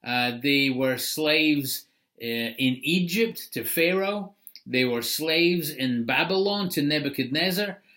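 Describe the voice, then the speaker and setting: A man's voice: a little high, animated, slow, fairly bright tone. A middle-aged man preaching a sermon in a conversational, explanatory way, with asides. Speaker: pastor.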